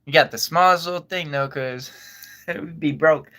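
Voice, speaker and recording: Bright-voiced man chatting on a livestream. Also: fairly high pitch, moderate pace. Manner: rambling, laid-back, chuckles and trails off. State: eating while talking. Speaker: livestream host. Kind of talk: casual chat reading viewer comments.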